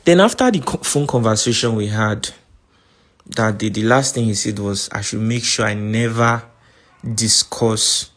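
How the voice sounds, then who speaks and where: Nigerian man recording a voice message. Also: fairly low pitch. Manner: calm, measured account of a grievance. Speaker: podcast host.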